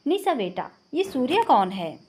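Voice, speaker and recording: A woman's voice: sits high, very animated, measured pace, darkish tone, slight background noise. A woman doing a strict, watchful mother.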